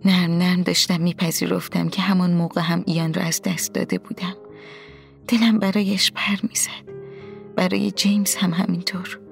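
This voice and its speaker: A woman reading a first-person story aloud in a soft, hushed, partly whispered way, with a husky voice. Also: on the low side, steady tone, soft background music. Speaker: audiobook narrator. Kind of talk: scripted first-person narration.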